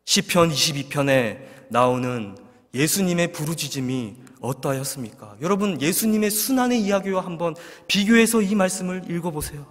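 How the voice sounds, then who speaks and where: A male pastor preaching an evening sermon with passion, putting rhetorical questions to the congregation and swinging from loud cries to hushed low lines. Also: lively intonation, moderate pace. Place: church sanctuary. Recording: long reverb of a large hall.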